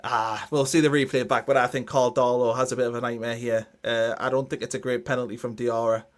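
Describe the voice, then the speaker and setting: A man's voice: medium pitch, flat delivery, fairly quick. A man hosting a football watchalong, chatting casually about the match, teasing and cheering.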